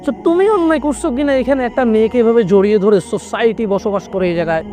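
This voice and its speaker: A young man preaching a sermon in an animated way, slipping English words into his talk and lowering his voice when he quotes others. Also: fast talker, soft background music. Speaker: Islamic preacher. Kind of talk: waz sermon.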